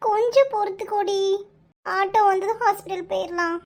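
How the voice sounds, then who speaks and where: A woman's voice: very high voice, moderate pace. A woman voicing a worried young village woman with a Kanyakumari Tamil accent, tearfully tending her feverish sister in a cartoon. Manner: worried, pleading, soft-spoken.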